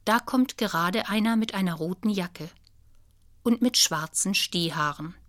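A woman narrating a children's storybook in a calm, clear storytelling manner. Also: mid-range voice, measured pace, dry recording, studio quality. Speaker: audiobook narrator.

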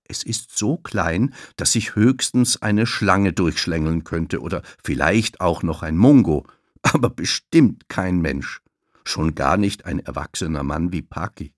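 A man narrating a children's audiobook in a slow, expressive storytelling manner. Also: low voice, no echo, studio quality.

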